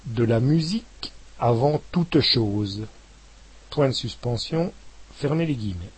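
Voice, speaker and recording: A man reading a dictation aloud slowly, articulating each word and saying the punctuation marks in a lower voice. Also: animated, husky. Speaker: dictation reader. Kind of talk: slow dictation with spoken punctuation.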